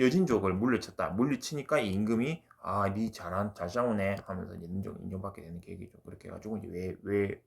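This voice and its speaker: Male lecturer, gravelly voice, quick delivery, chatty exam-prep lesson. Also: on the low side. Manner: chatty, keeps asking "right?" and drops into slang. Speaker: Korean literature lecturer.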